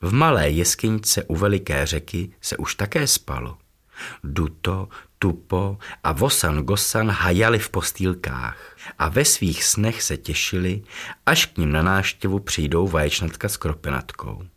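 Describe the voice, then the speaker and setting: A man with a very deep voice reading a children's bedtime story. His delivery is gentle and soothing, unhurried and calm.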